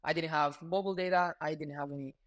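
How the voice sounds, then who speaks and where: A man in his thirties from Ecuador, a startup founder talking as a podcast guest in a relaxed, earnest way with frequent fillers. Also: fairly high pitch, quick pace. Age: 30s. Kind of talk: casual interview talk.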